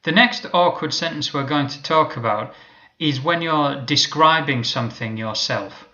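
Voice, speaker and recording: A man teaching an English lesson, explaining patiently and modelling example sentences slowly. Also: fairly high pitch, pushed and bright, lo-fi sound.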